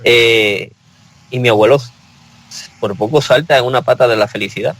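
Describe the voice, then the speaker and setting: A man's voice: medium pitch, moderate pace, a bit bright, poor audio. A man with a Puerto Rican accent, speaking as a guest in a casual panel discussion and telling personal stories earnestly. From Puerto Rico.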